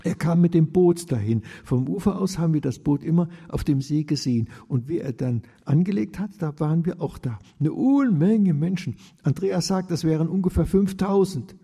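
A man's voice: on the high side, moderate pace, creaky, few pauses, warm tone, husky, voice pushed up. A man voicing an earnest young boy who tells his story in a jumbled rush. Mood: eager. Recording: long reverb.

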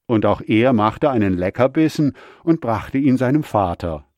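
A man reading scripture aloud in a slow, even, measured way. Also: mid-range voice, dry recording, dull audio. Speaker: scripture reader.

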